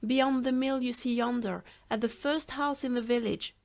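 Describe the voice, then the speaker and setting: A woman voicing an innocent, trusting little girl in a storybook reading, with a bright, wide-eyed questioning manner. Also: fairly high pitch, fairly even intonation, normal speed, pitched above the performer's own voice, close to an everyday voice. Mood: polite.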